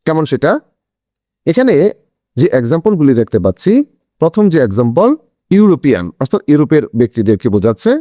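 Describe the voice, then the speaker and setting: A man's voice: on the high side, big pitch swings, fast talker, pauses often, dark tone, no echo, clean studio sound. A man teaching an English grammar lesson in a video, explaining step by step and asking questions that he answers himself.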